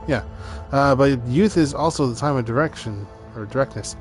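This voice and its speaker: A man's voice: medium pitch, moderate pace. A man reading game narration aloud dramatically, breaking into casual asides as he plays. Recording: music behind the voice.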